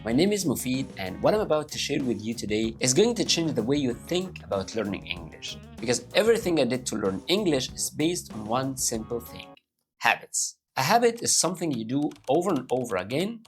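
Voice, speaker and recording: Talking straight to camera, a man from Egypt shares cheerful English-learning advice and motivation with his audience, speaking directly and with animation. He is a native Arabic speaker with an Egyptian Arabic accent, medium-pitched and fairly quick, over soft background music.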